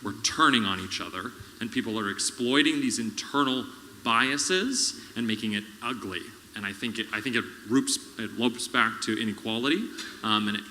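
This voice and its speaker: Earnest low-voiced man on a panel. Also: pushed and bright. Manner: earnest, reflective. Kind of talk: public panel discussion. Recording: reverberant hall, faint noise.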